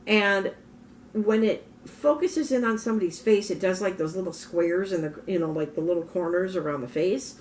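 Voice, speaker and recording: Speaking at a moderate pace in a lowish, darkish voice, a woman from Minnesota rambles through a casual talking-head vlog in her morning voice, correcting herself often as she tells her story. A little hiss or hum is audible.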